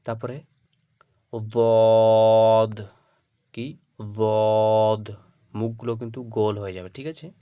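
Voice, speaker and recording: A man teaching the Arabic alphabet for Quran reading. He calls out each letter loud and drawn out, then explains it softly, checking in with his listeners after every point. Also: fairly low pitch, no room sound, highs cut off. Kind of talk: Arabic alphabet pronunciation lesson.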